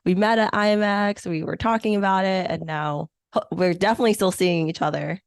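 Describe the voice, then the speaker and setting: Brisk and fairly low, her voice is gravelly yet smooth, recorded dry in clean studio conditions. She's an interview guest in her thirties, a meeting planner born in Hong Kong and raised in America whose first language is Chinese or Vietnamese, and she comes across as enthusiastic and reflective with many fillers.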